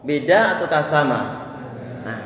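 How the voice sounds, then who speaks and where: A man giving a patient Quran recitation lesson, drilling pronunciation slowly and checking that listeners follow. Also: on the high side, animated, a bit bright. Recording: echoey room with long reverb.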